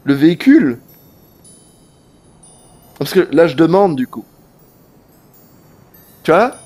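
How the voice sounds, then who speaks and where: Animated male game streamer, higher voice. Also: slow. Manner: animated, talks straight to chat, swears casually. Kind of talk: live gameplay commentary.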